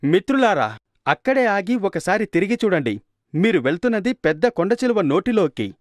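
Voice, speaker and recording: A man voicing a brave young cowherd hero in a cartoon, calling to his friends with calm authority. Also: sits high, normal speed, no echo, clean studio sound. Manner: commanding, reassuring calls to friends.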